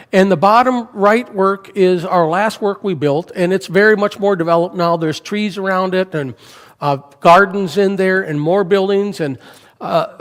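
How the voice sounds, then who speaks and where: A man in his sixties, an American missionary, giving a folksy, joking missions talk to a church congregation. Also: fairly high pitch. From United States. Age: 60s. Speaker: missionary speaker. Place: church sanctuary. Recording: hall reverb in a church.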